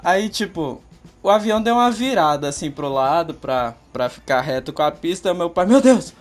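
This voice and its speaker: A podcast co-host telling a funny story in an animated, casual way. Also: medium pitch, moderate pace.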